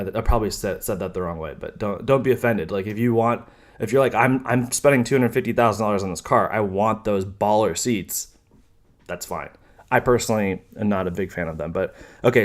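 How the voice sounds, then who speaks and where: A young man casually talking through car options in a vlog, rambling with many ums and self-corrections, now and then sarcastic. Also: on the low side. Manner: casual, chatty, slightly sarcastic. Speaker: car vlogger.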